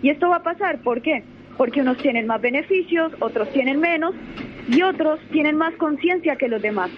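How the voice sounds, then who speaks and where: Her voice sits high and expressive, moving a little fast, as this young Colombian lawyer answers confidently on a radio interview. Now and then she repeats words to gather her thoughts, heard through muffled radio audio with a faint layer of noise.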